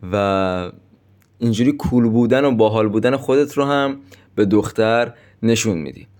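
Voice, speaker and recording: A man's voice: on the low side, darkish tone. A man coaching listeners on dating, going through numbered tips in a direct, chatty way and addressing them as friends. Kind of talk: instructional monologue with numbered tips.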